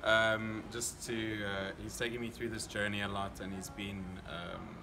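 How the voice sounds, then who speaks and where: Noisy event background, young man, South African accent, low voice, casual post-competition interview. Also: flat delivery, unhurried. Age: young adult. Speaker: coffee competitor interviewed after performing. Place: indoor convention venue. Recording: clear background noise, busy event venue.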